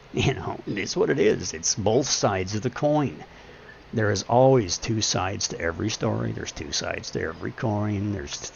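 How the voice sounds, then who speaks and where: A man in his forties with a deep voice, musing earnestly and at length in a casual live-stream monologue. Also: gravelly, lo-fi sound, slight background noise. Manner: earnest, rambling, philosophizing.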